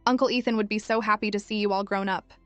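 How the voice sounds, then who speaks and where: A loving young mother speaks softly and tenderly, voiced by a woman narrator. It is close and dry, with light music behind. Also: medium pitch, fairly even intonation, fast, no room sound, close to an everyday voice. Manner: soft and tender.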